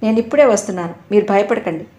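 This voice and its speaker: Woman doing a calm young doc guy, soft reassuring tone, storybook reading, echoey room. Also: mid-range voice, fast talker, natural voice. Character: young male doctor, anxious caring friend. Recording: roomy echo.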